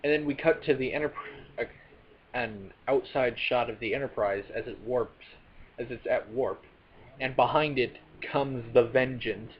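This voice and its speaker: A man's voice: mid-range voice, unhurried. Man rambling through a movie recap, lo-fi. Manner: rambling, many fillers and self-corrections. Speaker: film reviewer. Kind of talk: casual spoken movie recap. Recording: dull lo-fi recording with faint noise.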